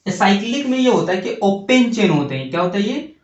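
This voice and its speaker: A male teacher working through chemistry at the board in an unhurried way, putting questions to the class and then answering them himself. The voice sits back from the mic in a roomy, echoing space, and the recording sounds dull and lo-fi. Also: high voice, big pitch swings. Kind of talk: chemistry lesson while writing on a board. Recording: distant, echoey, dull lo-fi.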